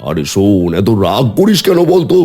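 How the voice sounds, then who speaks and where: Cartoon: male actor as a sly village schemer, dark husky voice, teasing twisty talk. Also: fairly low pitch, big pitch swings, moderate pace, soft background music. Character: sly scheming village man, friend, loves twisting words.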